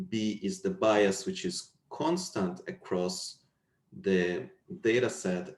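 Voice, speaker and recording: Speaking from indoors on an echoey video call, this university lecturer has a voice on the low side with a slight mellowness. His technical lecture is explanatory, and he pauses to ask questions that check whether people follow.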